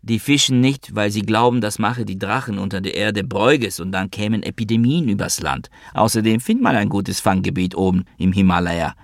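A man's voice: lowish voice, moderate pace, vocal fry, hardly any pauses, dry recording, clean studio sound. A man voicing an irritable, scornful male monk in a spoken story, talking in a mocking, snapping way. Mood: boastful.

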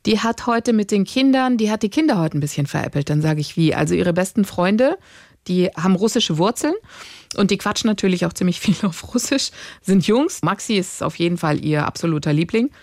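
Woman, 30s, casual storyteller, mid-pitched, lively and warm, dry close recording. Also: a little fast, dry recording. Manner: animated, acts out quotes of her children. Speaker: podcast co-host, mother.

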